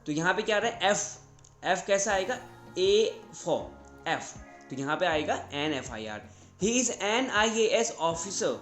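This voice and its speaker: A man with a high-pitched voice gives a patient grammar lesson, walking through examples one by one and answering his own questions. His voice rings in an echoey room, with faint music underneath. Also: fairly bright tone. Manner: explains step by step, often asks and answers his own questions. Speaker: English teacher. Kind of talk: Hindi-language English grammar lesson.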